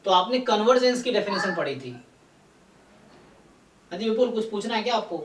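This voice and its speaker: A man's voice: high-pitched, animated, fairly quick. A man teaching a live online math class, explaining step by step and often checking in with his students. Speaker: statistics teacher. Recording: roomy echo, distant mic.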